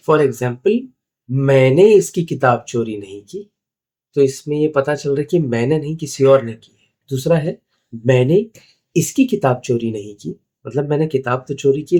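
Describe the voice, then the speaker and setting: Mellow-voiced man teaching lyrics. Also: a little high. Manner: counts beats aloud, mixes English into Hindi; measured, explanatory delivery with stressed examples. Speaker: lyric-writing teacher and host. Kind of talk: explanatory lesson.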